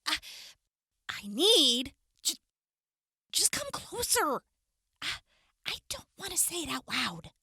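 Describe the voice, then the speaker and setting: A woman's voice: high voice, big pitch swings, takes it slowly, long pauses, sharp tone, no room sound, exaggerated voice. A woman playing a flustered, foul-mouthed young prisoner in an audio drama. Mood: embarrassed, hesitant.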